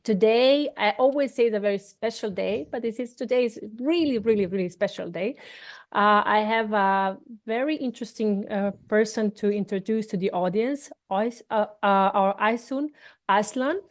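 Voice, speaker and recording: A woman's voice: mid-range voice, normal speed. A woman hosting a podcast, introducing her guest in a hesitant way with many fillers. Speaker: podcast host. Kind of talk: casual interview intro.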